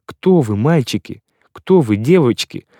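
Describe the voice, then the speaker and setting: A man voicing a small boy in a read-aloud story, calling out with excited delight. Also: medium pitch, a little slow, no echo. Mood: joyful. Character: small freezing boy, joyful and amazed.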